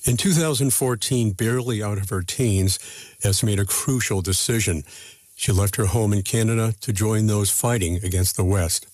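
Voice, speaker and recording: A man reporting a radio news feature in measured, deliberate scripted narration. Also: on the low side, darkish tone, dry recording.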